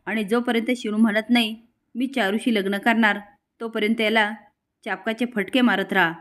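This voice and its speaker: A woman's voice: a little high, fairly even intonation, normal speed, fairly bright tone, close to an everyday voice. A woman reading the lines of a stern elderly grandmother who rules the family and gives harsh orders.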